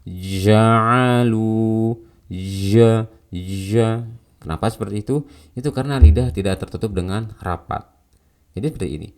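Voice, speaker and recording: A man's voice: lowish voice, animated, quick pace, dark tone. A man teaching Quran recitation, patiently explaining letter sounds and repeating Arabic syllables for learners to copy. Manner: explains, then demonstrates correct and wrong sounds. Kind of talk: tajwid lesson with spoken pronunciation drills.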